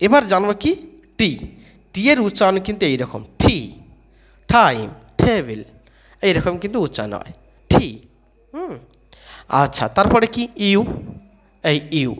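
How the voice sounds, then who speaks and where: A man giving a spoken lesson on how to say letters, asking questions, answering them himself and repeating each sound slowly. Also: high-pitched, a bit bright. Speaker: English teacher.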